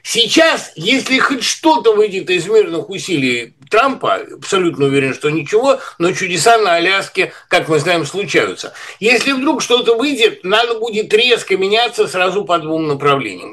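A man's voice: sits high, animated, moderate pace, hardly any pauses, bright, forceful tone. A man giving political and literary commentary in a lecturing, digressive way, full of historical references.

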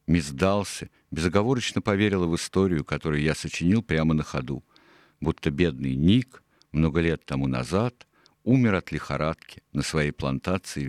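A man narrating an audiobook in a calm, measured storytelling manner. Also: deep voice, no room sound, clean studio sound.

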